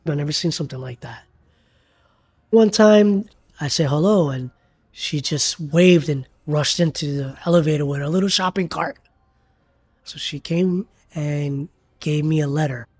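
Husky-voiced bellhop remembering a neighbor. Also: male voice, a little high, unhurried, a little mellow, dry recording. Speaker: hotel bellhop. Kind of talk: interview.

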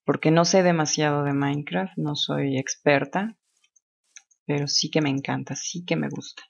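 A woman's voice: low voice, steady tone, moderate pace, gravelly, slightly rough. A woman chatting casually as she plays a video game, thinking aloud and laughing often. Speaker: gamer. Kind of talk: casual gameplay commentary. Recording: dull lo-fi home recording.

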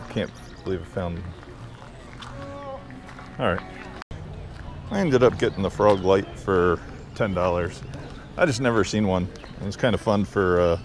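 A man vlogging while shopping at an outdoor flea market, chatting easygoingly and haggling with sellers, recorded on a body-worn camera. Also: low-pitched. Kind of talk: casual chat while bargaining. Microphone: body-worn action camera. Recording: outdoor noise behind voice.

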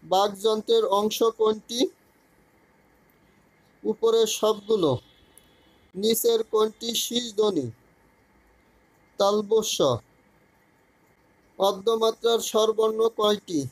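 A man tutoring for an exam, reading out grammar questions and then giving each answer in a measured way. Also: sits high, fairly even intonation, no echo, low-quality recording.

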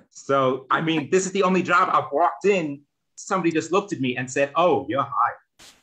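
A man's voice: on the high side, normal speed, fairly bright tone. A man improvising a sitcom scene, anxious and self-pitying. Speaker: improv comedy performer.

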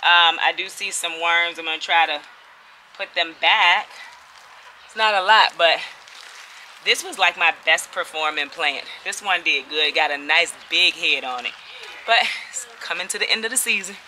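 Casting: woman garden vlogger, very bright, chatty tone, faint outdoor ambience. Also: fairly low pitch, normal speed, a little hiss or hum. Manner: chatty, laughing, talks to viewers as y'all. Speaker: urban homesteading vlogger. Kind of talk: casual garden vlog chat.

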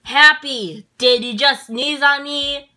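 A woman's voice: sits high, slow, bright, forceful tone, slight background noise, pitched below the performer's own voice, exaggerated voice. A woman voicing a brash, impatient teenage boy who scolds and coaches his sneezing friend in a plush toy comedy skit. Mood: exasperated. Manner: exasperated scolding, casual slang.

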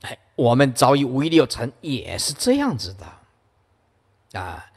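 Emphatic Buddhist lecturer, male, very lively pitch, reverberant hall. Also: takes it slowly, husky. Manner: emphatic, storytelling, frequent interjections. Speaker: Buddhist dharma teacher. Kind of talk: sutra lecture sermon.

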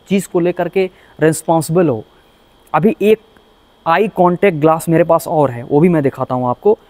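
A man's voice: a little high, a little mellow, no echo. A man teaching a workshop safety lesson as an auto technician, earnest and pleading, often repeating himself. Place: car workshop.

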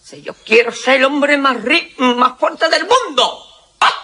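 A man telling jokes among friends in a rowdy, laughing way, shouting the punchlines. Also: very high-pitched, measured pace. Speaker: joke teller.

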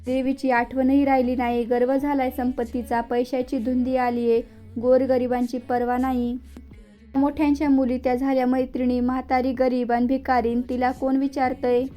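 A woman's voice: high voice, flat delivery, normal speed, warm tone, soft background music, close to an everyday voice. Woman voicing a bitter old beggar woman. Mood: bitter scolding. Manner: scolding, bitter. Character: angry old beggar woman, goddess in disguise.

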